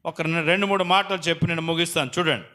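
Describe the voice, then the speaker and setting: Man preaching, lots of repeating for drama, high voice. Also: fairly even intonation, very fast, bright, forceful tone. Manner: dramatic storytelling with repeated phrases. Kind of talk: sermon.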